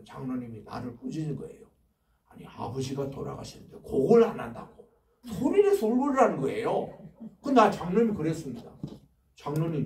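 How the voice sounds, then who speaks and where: Gravelly older pastor preaching in echoey church. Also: male voice, fairly high pitch. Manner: storytelling, emotional swings from hushed to loud. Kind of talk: sermon. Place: church sanctuary. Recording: echoey church room from far off.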